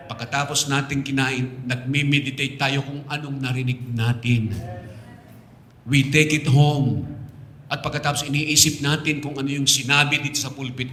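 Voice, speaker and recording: A Filipino man preaching a sermon from the pulpit, mixing Tagalog and English and building to loud, passionate appeals. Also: mid-range voice. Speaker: pastor. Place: church sanctuary. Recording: echoey church hall, slightly distant.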